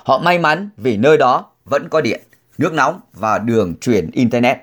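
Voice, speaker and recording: A man reading news stories aloud to his listeners in a halting, deliberate way, with emphatic pitch swings. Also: lively intonation. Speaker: news reader.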